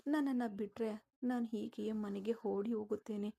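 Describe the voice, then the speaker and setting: A woman voicing a tearful young village woman who pleads against her marriage, in a softly creaky, husky voice. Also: medium pitch, fairly even intonation, moderate pace. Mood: distressed. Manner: pleading, upset.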